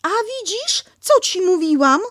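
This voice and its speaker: A woman voicing a motherly female kangaroo who talks slowly, doting but firm, in a storybook reading. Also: very high-pitched, sing-song, a bit bright, no echo, clean studio sound, voice pushed up, full character voice. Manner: slow, doting, bossy.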